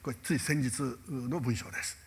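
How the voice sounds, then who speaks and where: A man's voice: mid-range voice, normal speed. A man preaching a sermon as pastor, building to emphatic proclamations. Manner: reads a letter aloud.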